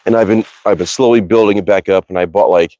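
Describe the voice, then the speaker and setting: Male archery streamer, casual and rambly with swearing, lowish voice, dry sound. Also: steady tone, quick pace, mellow, no echo. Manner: rambling, swears freely, reads viewer comments aloud. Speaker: archery livestreamer. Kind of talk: casual livestream chat. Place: outdoors in a cold, windy backyard.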